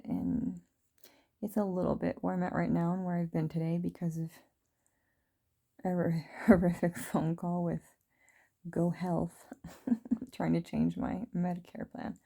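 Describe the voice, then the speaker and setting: Woman, 30s, vlog diary, reflective and rambling, mellow dark tone, lower pitch. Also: little pitch movement, normal speed, vocal fry. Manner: rambling, frequent fillers, soft laughs. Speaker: vlogger. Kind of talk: reflective personal diary talk.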